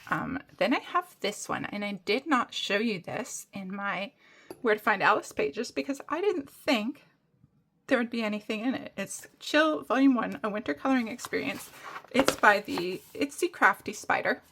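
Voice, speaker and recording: A woman talks through her coloring plans in a casual, rambling way, full of fillers and restarts. Her voice sits at an ordinary middle pitch. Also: animated, moderate pace, creaky, a bit bright. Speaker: coloring hobby vlogger. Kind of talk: casual show-and-tell chat.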